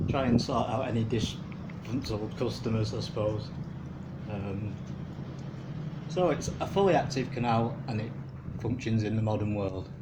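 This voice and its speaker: Guy chatting his way along a canal, lowish voice, noisy outdoor sound. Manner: rambling, chuckling asides. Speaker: canal walk video maker. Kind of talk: casual walking commentary.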